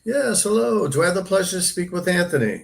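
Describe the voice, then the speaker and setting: A man's voice: high-pitched, lively intonation, fast, creaky, rough recording. A man working as a real estate broker, making polite, courteous cold calls on the phone. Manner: polite and courteous, sir and ma'am.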